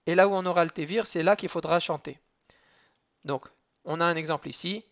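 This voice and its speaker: A man's voice: on the high side, fairly bright tone, dull audio. Man teaching cantillation, chanting examples. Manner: explains rules step by step, then chants Hebrew examples slowly. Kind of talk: explanatory lesson with chanted examples.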